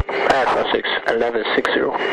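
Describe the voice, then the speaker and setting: A man's voice: medium pitch, level tone, fairly quick, gravelly. Male pilot on a noisy cockpit headset radio. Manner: terse, matter-of-fact readbacks. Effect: pilot speaking over cockpit headset radio. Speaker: military pilot. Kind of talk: clipped radio phraseology. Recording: noisy radio transmission with engine roar.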